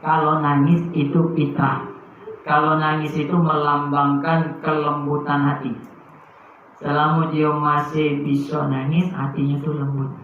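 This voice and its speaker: High-voiced preacher, very echoey hall. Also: male voice, completely flat delivery, a little slow, slight background noise. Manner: emotive, swings from soft to loud emphatic bursts. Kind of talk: sermon. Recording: very echoey, phone-like muffled sound.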